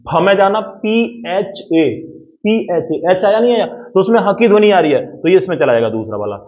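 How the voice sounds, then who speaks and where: A man's voice: high-pitched, animated, normal speed. A man teaching an exam-prep grammar lesson at a board, explaining step by step and often checking that students follow. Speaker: Hindi teacher. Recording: tinny phone-like audio.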